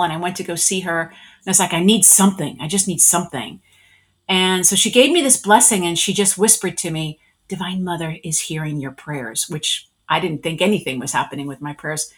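Lively middle-aged woman telling her story. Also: fairly low pitch. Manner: animated, acts out her own past thoughts in quotes. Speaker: guest, spiritual energy worker. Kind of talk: casual personal storytelling.

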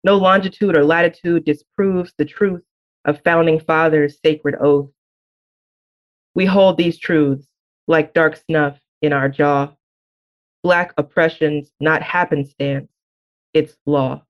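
Here the guest is a woman poet from Birmingham, Alabama, deep-voiced and without a Southern accent, her intonation fairly even. She gives a measured, emphatic reading of her poem before turning to candid, thoughtful answers sprinkled with soft laughter, all in lo-fi audio.

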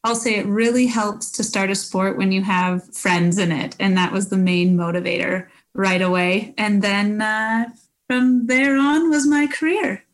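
A woman's voice: mid-range voice, steady tone, unhurried. Canadian woman chatting as a guest. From Canada and New Zealand. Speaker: podcast guest, former Olympic biathlete. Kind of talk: casual interview answers.

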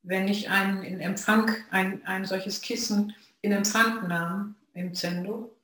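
Reflective dharma talk from a Zen practitioner, unhurried and pausing, heavy room echo. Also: medium pitch, steady tone, bright, forceful tone. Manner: slow, measured, pausing between phrases. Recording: very echoey room.

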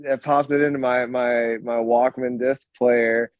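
A man who plays in a rock band, telling stories in a rambling, animated way with lots of restarts. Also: medium pitch, measured pace, dry recording. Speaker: guitarist and screamer in a rock band, guest. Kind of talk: casual storytelling chat.

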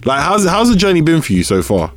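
A man's voice: fairly high pitch, quick pace, soft background music. Laid-back man hosting a podcast. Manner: relaxed, slangy, laughs often. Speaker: podcast host. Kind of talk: casual interview chat.

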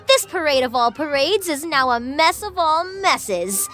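A woman's voice: high voice, lively intonation, unhurried, fairly bright tone, soft background music. A woman playing a smug, mock-innocent female villain who loves chaos, in a children's audio story. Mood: gloating, gleeful. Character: gleeful, smug female mischief-making villain.

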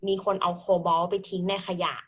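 A woman's voice: fast, fairly bright tone. A woman hosting a podcast in casual chat, thinking aloud with plenty of fillers. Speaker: podcast host.

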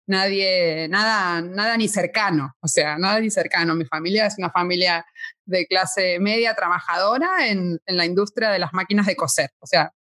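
A woman's voice: fairly low pitch, normal speed, pushed and bright. A woman in her thirties with a Buenos Aires accent, a guest chatting casually in an interview and laughing often. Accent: Rioplatense Spanish, Buenos Aires. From Argentina. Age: 30s. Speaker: guest, space science communicator.

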